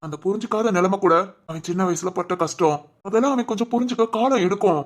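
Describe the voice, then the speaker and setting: Mid-range, quick and darkish yet natural, this voice belongs to a performer playing a caring young man in a cartoon. He's a protective older brother reassuring and advising his sister, with a reassuring mood throughout the cartoon voice acting.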